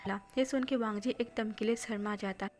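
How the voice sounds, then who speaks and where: A woman reading a fan-fiction story aloud, her narration soft and often half-whispered. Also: fairly high pitch, fairly even intonation, normal speed, slight background noise.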